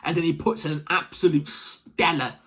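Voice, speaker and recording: A man giving casual, animated opinion commentary as the host of a football fan channel, rambling and repeating himself for emphasis. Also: on the high side, normal speed, breathy edge.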